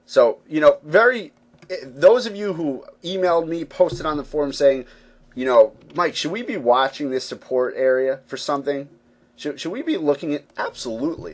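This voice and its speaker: A man hosting a live trading webinar, explaining charts in a conversational way with lots of fillers and check-ins with viewers. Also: medium pitch. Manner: conversational, many fillers and "right, guys?". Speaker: forex trading webinar host. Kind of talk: live webinar teaching, casual.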